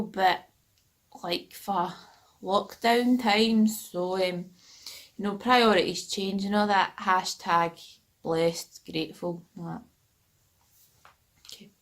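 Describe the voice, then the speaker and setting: A woman performing comic poetry with a crude, deadpan delivery. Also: mid-range voice. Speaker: comedy poet.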